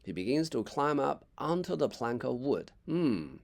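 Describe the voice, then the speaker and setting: Expressive gravelly storybook reader, man. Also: mid-range voice, normal speed. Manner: expressive with small slips and asides. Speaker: English teacher reading a story. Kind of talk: children's story read-aloud.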